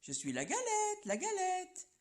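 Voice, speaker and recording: A woman's voice: very high-pitched, very animated, measured pace, voice pushed up, heavily acted. A woman voicing a cheerful, proud little runaway pancake in a children's story, singing her little rhyme. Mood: singsong proud. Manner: singsong, bright and bouncy.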